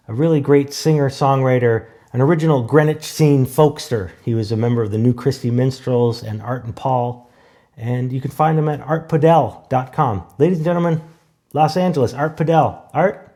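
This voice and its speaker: A man's voice: mid-range voice, dark tone. A man hosting a casual parlor show, introducing guests over video chat. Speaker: host.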